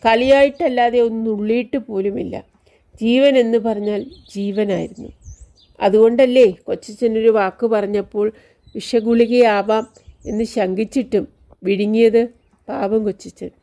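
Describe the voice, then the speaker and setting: A woman narrating a novel aloud in a calm, measured reading voice. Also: on the high side. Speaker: audiobook reader.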